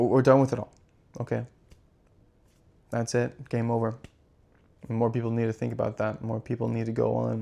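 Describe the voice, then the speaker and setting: Gravelly, ranting man. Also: medium pitch, darkish tone. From United States. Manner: ranting, profane, repetitive. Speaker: crypto channel host. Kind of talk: impassioned monologue.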